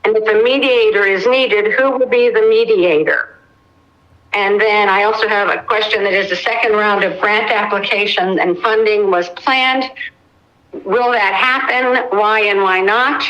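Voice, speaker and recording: A woman's voice: mid-range voice, fairly even intonation, measured pace, fairly bright tone, highs cut off. A woman calling in over a phone on speaker, methodically reading a list of questions as a public commenter at a council meeting. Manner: methodical, lists questions one by one. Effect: heard over a phone on speaker. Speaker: caller making public comment.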